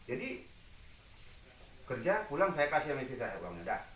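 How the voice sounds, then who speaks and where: A man in his forties tells his life story to an interviewer, earnest and unhurried. He sits far from the microphone in a roomy, echoing space. Bird calls and steady noise sit behind his voice. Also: mid-range voice. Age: 40s. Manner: earnest storytelling, acts out quoted dialogue. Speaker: interview guest. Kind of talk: recounting personal experiences. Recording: echoey, far from mic, noisy.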